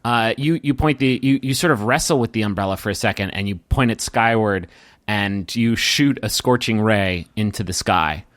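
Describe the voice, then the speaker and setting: A man's voice: lowish voice, moderate pace, fairly bright tone, no echo, studio quality. A man narrating as game master, in loose, filler-heavy speech.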